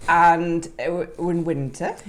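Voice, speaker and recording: A woman with a South Island New Zealand accent, co-hosting a podcast in casual, halting talk that often repeats phrases. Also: lowish voice, steady tone. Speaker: co-host of a knitting and crafting podcast. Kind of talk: casual unscripted co-host chat.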